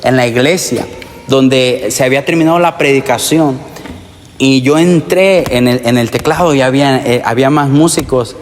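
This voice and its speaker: Earnest and direct, a medium-pitched man addresses young people with a testimony sermon, urging them to say amen as he speaks at an ordinary pace. The church sanctuary lends the recording a long, hall-like reverb.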